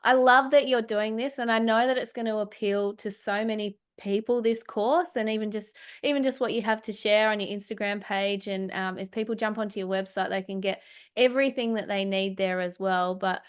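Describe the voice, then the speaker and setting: A woman's voice: medium pitch, fairly even intonation, fairly quick, clear, resonant tone. A woman hosting a casual podcast interview, effusive and encouraging toward her guest. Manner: warm, encouraging, effusive praise. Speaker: podcast host.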